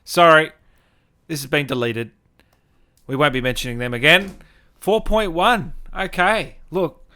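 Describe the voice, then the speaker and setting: Bright, mock-outraged podcast man. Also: fairly high pitch, measured pace, clean tone. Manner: mock-outraged, exaggerated disbelief. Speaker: podcast co-host. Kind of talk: casual comedic banter. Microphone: podcast mic, remote recording.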